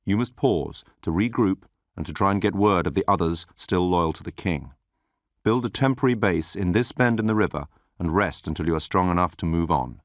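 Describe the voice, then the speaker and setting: A man delivering solemn, measured dramatic narration as a game's mission briefing narrator. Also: low voice, expressive, no echo, clean studio sound.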